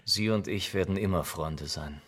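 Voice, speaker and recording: An actor in a German radio play voicing a jaded, witty middle-aged lord with a husky, languid, urbane delivery. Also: male voice, sits low, moderate pace, a crowd in the background, lightly acted. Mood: breezy, urbane. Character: jaded, witty English lord, older friend, languid cynic.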